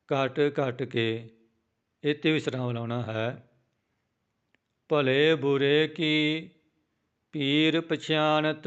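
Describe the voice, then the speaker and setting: Man slowly chanting then spelling verses. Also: medium pitch, clear, resonant tone, lo-fi sound. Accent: Punjabi. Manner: slow drawn-out chanting of verses, then quick spoken spelling instructions. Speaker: scripture recitation teacher. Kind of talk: pronunciation lesson with chanted recitation.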